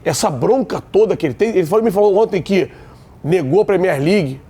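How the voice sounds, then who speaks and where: Rio-accented male panelist, blunt and emphatic, high-pitched voice, studio debate. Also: animated, brisk, warm tone, slightly rough. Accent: Brazilian Portuguese, Rio de Janeiro. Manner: blunt, emphatic, repeats points.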